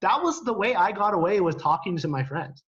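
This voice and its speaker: A man from Canada co-hosting a live stream, chatting casually and telling things in an animated, slangy way over a video call. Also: high voice, brisk. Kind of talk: casual chat. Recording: slightly dull video-call audio.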